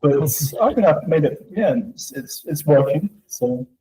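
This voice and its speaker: A man's voice: fairly high pitch, expressive, unhurried, dark tone, husky. A man chatting casually, with reverberant echo from the empty room around him. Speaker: musician, touring drummer. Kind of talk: casual chat.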